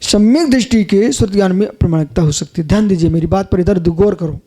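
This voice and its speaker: A man's voice: high voice, quick pace, dark tone. A man, a Jain monk, giving a live sermon, emphatic, repeating phrases and questioning his listeners directly.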